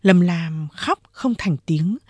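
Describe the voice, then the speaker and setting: A woman narrating a novel as an audiobook, in a measured storytelling manner. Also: fairly low pitch, expressive, slightly rough, dry recording. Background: faint music.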